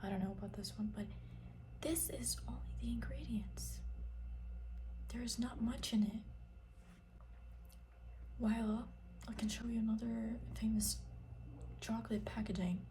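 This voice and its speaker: A woman's voice: on the high side, fairly even intonation, measured pace, long pauses, warm tone, slight background noise, rough recording. Woman whispering ASMR right in your ear. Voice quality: breathy unvoiced whisper, close in the ear. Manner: intimate, rambling, informal. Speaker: ASMR content creator. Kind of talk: whispered ASMR casual chat.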